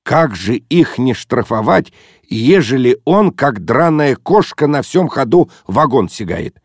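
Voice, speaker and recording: A man voicing a grumpy old father with a bandaged head who talks gruffly, sighing and groaning. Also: mid-range voice, sing-song, unhurried, dry recording, clean studio sound, voice pushed up.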